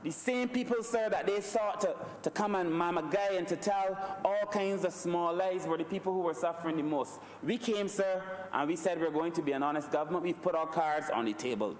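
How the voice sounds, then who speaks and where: A Barbadian member of parliament gives a rhetorical speech in a large parliament chamber, repeatedly addressing the Speaker as sir. His voice is high-pitched and brisk, with hardly any pauses. The distant mic picks up an echoey chamber.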